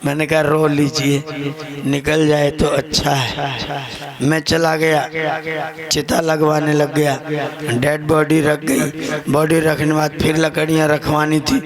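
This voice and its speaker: Slow, higher-pitched male preacher. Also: completely flat delivery, a crowd in the background. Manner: slow storytelling, rhetorical questions, chanted verses. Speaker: Arya Samaj preacher. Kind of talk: Hindi sermon with anecdotes.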